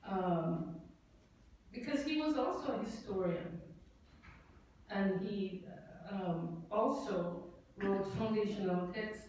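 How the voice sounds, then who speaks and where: At a tribute event, a middle-aged poet with a Jamaican accent gives unscripted remarks before a reading, speaking slowly and reflectively with many fillers, pauses and restarts. Her mid-range voice has a darkish tone and sounds far from the mic in a very echoey hall, with a faint murmur of room noise.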